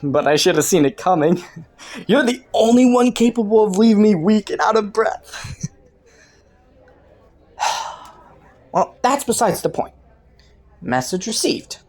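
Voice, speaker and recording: A woman's voice: mid-range voice, expressive, warm tone, natural voice. Woman acting flirty, swooping, teasing criminal Killua. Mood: sly, seductive. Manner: playful, taunting, coy, drawn-out mock innocence. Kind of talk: scripted roleplay audio, intimate monologue to the listener.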